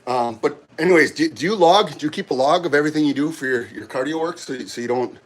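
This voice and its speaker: A middle-aged man, out of breath, chatting casually with viewers of his livestream during a gym workout, halting and rambling with many restarts. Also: a little high. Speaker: livestream host. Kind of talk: casual chat while working out on a livestream. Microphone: camera set up nearby.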